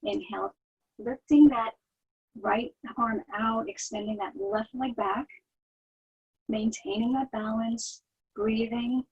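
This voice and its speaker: A woman teaching yoga, guiding the poses in a soothing, gentle manner with a slightly husky, breathy voice. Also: a little high, steady tone, takes it slowly, pauses often, dull audio. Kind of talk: guided yoga instruction.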